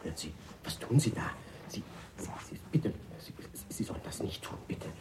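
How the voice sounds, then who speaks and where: An actor playing a chaste, panicky old ex-friar who stammers and sounds stuffed up from a cold. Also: male voice, deep voice, lively intonation, measured pace, background noise. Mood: flustered. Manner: stammering, flustered, breathless outbursts.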